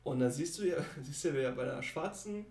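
A man's voice: a little high, animated, fairly quick, darkish tone. A young man co-hosting a podcast in casual, slangy chat, talking bluntly and laughing often. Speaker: podcast co-host. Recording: roomy, distant from the mic.

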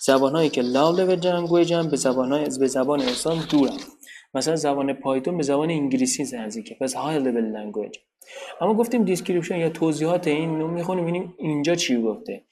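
A man's voice: on the high side, darkish tone. Casual male tutor, talks through lessons with restarts and repeats, plain mid voice, light noise behind. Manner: rambling, restarts and repeats while explaining. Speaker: programming teacher. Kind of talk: informal spoken tutorial.

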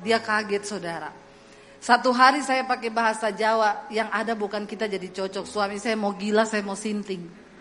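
A woman's voice: mid-range voice, normal speed. A woman from Sulawesi with a Sulawesi accent, preaching a sermon and animatedly acting out stories with humor. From Sulawesi, Indonesia. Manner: animated, acts out dialogue, laughs at her own stories. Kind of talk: sermon with humorous personal storytelling. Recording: echoey hall with faint music.

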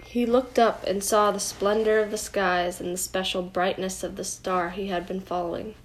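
A woman's voice: mid-range voice, moderate pace. Woman reading a storybook aloud. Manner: gentle, expressive read-aloud. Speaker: storybook reader. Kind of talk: reading a children's picture book aloud at home.

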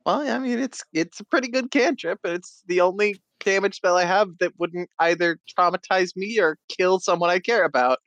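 A player in a tabletop game, talking hesitantly with many pauses and fillers. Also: medium pitch, a bit bright, no room sound. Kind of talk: casual tabletop game play.

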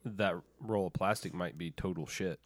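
A man hosting a loose podcast conversation with a stuffy nose. His voice sits fairly low, and he jokes around and laughs a lot. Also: moderate pace, no room sound. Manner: joking, laughs often. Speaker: podcast host. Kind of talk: casual chat.

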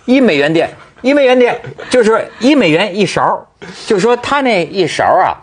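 A male talk show host whose slightly husky voice swings widely in pitch as he tells his stories. He acts out the lines he quotes with relish and keeps a lively, anecdotal flow in a panel conversation. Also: moderate pace.

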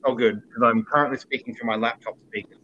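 A man's voice: mid-range voice, fairly even intonation, quick pace, bright, forceful tone, slight background noise. A man hosting a podcast, speaking through a laptop's speakers and mic so he sounds tinny, casually checking his sound. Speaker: podcast host.

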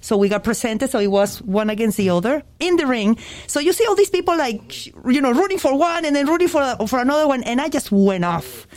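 A middle-aged woman from Venezuela, a chef, talks through a video call in a casual interview. She tells her story in an animated way. She often repeats words and restarts as she goes. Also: high-pitched, quick pace, few pauses. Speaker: chef and food brand founder.

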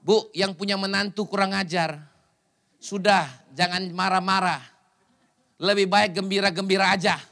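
A male pastor delivers a lively, funny sermon, joking with his congregation and slipping English words into his speech. His voice sits high and he talks at a normal speed.

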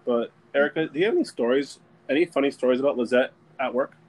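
A man's voice: medium pitch, fast talker, poor audio. A man hosting a casual chat, asking questions with many hesitations. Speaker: interviewer.

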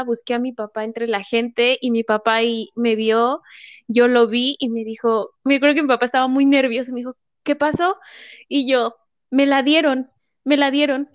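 A young woman with a Mexican accent tells her story with energy and acts out the voices of the people in it. Her voice sits a little high and sounds dry and close, with muffled, lo-fi audio. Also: a little fast, no room sound. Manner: lively storyteller acting out quotes. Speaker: guest. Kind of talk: casual interview chat.

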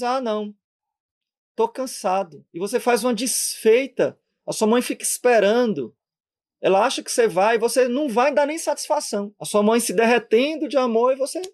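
Emphatic Brazilian priest preaching live. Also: male voice, very high voice, darkish tone. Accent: Brazilian Portuguese. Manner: emphatic, full of rhetorical questions, speeds up and slows down for effect.

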